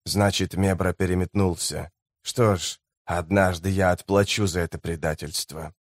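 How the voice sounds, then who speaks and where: A man voicing a grim, wary male guide who talks in terse, hushed mutters. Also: low voice, fairly even intonation, normal speed, no echo, studio quality, pitched below the performer's own voice.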